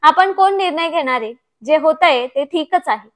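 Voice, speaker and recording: A woman voicing an older mother who speaks calmly and firmly. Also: high voice, normal speed. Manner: soothing then firm. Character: older mother, calm, firm and dignified.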